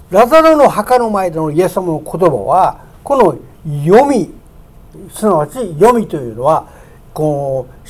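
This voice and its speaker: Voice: medium pitch, a little mellow. Emphatic preacher with swelling peaks. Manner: swells to emphatic, raised peaks on key words; slows down to read scripture aloud. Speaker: pastor. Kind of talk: sermon. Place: church sanctuary with projector.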